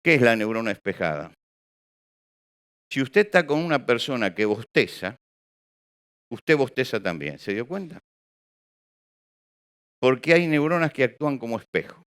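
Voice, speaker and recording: A man's voice: mid-range voice, big pitch swings, moderate pace, long pauses, fairly bright tone, smooth. A male pastor preaching to a live congregation, asking rhetorical questions and acting out small examples. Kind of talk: sermon. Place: church or hall with an audience.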